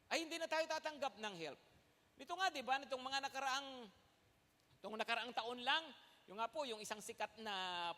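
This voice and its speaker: With a very high, pushed and bright voice, a man delivers a sermon as pastor, calling "Amen?" to his congregation and moving back and forth between Tagalog and English. He is emphatic, and a long reverb fills the large church hall.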